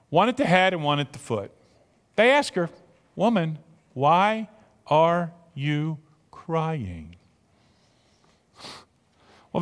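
A man preaching an Easter sermon as pastor, impassioned, swinging from loud emphasis to hushed near-whispers. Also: high-pitched. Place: church sanctuary. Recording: long reverb of a church hall.

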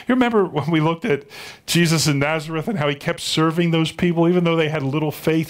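A middle-aged male pastor preaching a sermon, telling the story and asking the congregation rhetorical questions. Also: on the high side.

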